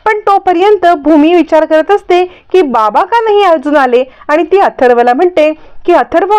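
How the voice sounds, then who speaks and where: A woman narrating a recap of a TV serial episode briskly, reading out every character's lines herself. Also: very high-pitched, expressive, a little mellow. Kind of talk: scripted story recap narration.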